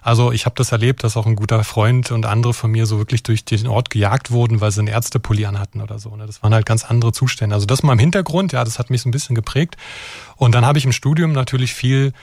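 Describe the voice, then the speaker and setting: A man's voice: mid-range voice, fairly even intonation, quick pace, gravelly, a little mellow, no echo. A middle-aged man from Brandenburg, Germany, an expert guest who explains at length and tags his sentences with "ja". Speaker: expert guest from an extremism center. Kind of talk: conversational interview.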